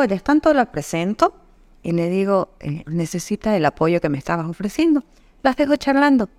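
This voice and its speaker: A woman on a podcast telling stories from her work, acting out the dialogue with big pitch jumps. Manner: animated storyteller, acts out quoted dialogue with pitch jumps. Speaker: guest. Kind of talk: conversational podcast storytelling. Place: indoor podcast studio.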